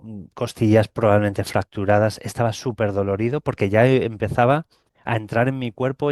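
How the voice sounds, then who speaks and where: A man's voice: on the low side, darkish tone, no room sound, studio quality. A middle-aged Spanish man with a Spanish accent, telling a personal story in an interview and animatedly acting out the dialogue. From Spain. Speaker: guest recounting a near-death experience.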